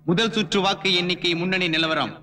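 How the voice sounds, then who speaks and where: A bright, formal vote announcer. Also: male voice, sits high, fairly quick, recorded from a distance, soft background music. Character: male election announcer reading vote counts.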